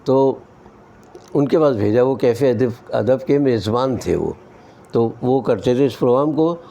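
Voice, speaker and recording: A man's voice: medium pitch, creaky, dark tone. An older man from Pakistan, a humor columnist, tells conversational anecdotes about language with wry humor and mimics mispronunciations. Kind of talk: relaxed anecdotal talk on language.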